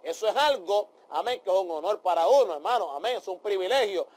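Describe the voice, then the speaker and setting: A man's voice: sits high, expressive, a little fast, a little mellow. A man teaching a Bible study, fervent and peppering his talk with amén and aleluya as he addresses his brothers. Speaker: preacher.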